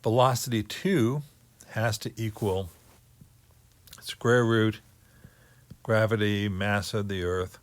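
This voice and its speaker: A man giving a physics lecture on orbits, working through figures slowly and thinking aloud with many pauses. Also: fairly low pitch, no echo. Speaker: teacher.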